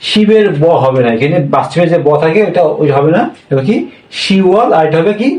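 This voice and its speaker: A man teaching a Korean lesson in Bengali, speaking slowly and repeating each word with a checking "yes?". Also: fairly high pitch, animated, a little mellow. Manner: slow, repetitive, checks with "হ্যাঁ?". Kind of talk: classroom language lesson. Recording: echoey room, voice from far off.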